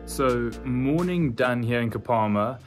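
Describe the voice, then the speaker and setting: A man's voice: medium pitch, animated, unhurried, faint music behind. A man talking casually to camera as a travel vlogger on safari.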